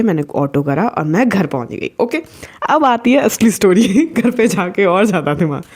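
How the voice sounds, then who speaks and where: A woman's voice: sits low, a little mellow. A young woman telling a personal story in a casual, chatty way, mixing in English words as she talks. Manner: chatty, mixes in English words, frequent restarts. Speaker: vlogger.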